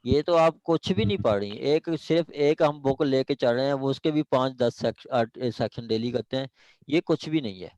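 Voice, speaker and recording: A law lecturer with a Pakistani accent prepares students for judicial exams in an online class of discussion and exhortation. His medium-pitched, slightly mellow, smooth voice has no room sound but poor audio quality. He is emphatic and repetitive to drive points home, often checking that students understand.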